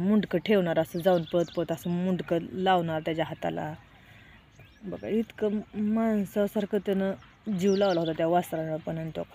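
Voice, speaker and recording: Mellow, flat-voiced woman. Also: lowish voice, slight background noise. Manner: plainspoken, keeps saying "look" to viewers. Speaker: vlogger. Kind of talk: casual vlog storytelling.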